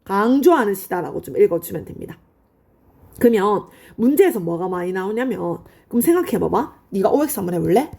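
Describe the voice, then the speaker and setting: A woman teaching high school literature in an online lecture, explaining in a friendly, chatty way and answering her own questions. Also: sing-song, brisk, vocal fry, warm tone, slightly rough. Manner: asks students questions and answers them herself.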